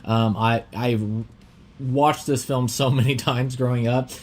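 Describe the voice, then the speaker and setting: A young man hosting a casual movie podcast, talking in a rambling, filler-heavy, excitable way, with a slight lisp from a dental aligner. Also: medium pitch, slow. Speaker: podcast host.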